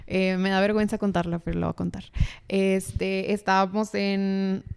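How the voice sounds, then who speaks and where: A young woman from Mexico, a podcast guest, sharing a personal faith testimony in a casual, earnest and animated way. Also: medium pitch, moderate pace, vocal fry, smooth. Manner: earnest, animated storytelling with laughs.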